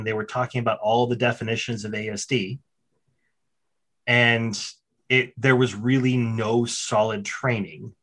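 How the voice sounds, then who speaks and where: A man who works as a special education teacher, talking casually and animatedly, often restarting his words and joking. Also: mid-range voice. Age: adult. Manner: animated, self-interrupting, repeats words, jokes. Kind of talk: casual podcast conversation.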